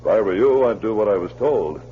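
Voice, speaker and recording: An actor playing a steady, shrewd Mountie sergeant, speaking with deliberate authority in 1940s radio style. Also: male voice, lowish voice, lightly acted. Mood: firm, wry. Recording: muffled, noisy old radio recording.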